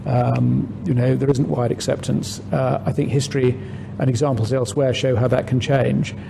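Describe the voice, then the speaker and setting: A man, a diplomat, answering an interview question in a measured, reflective way with frequent fillers. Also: medium pitch, little pitch movement, creaky. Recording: noisy recording.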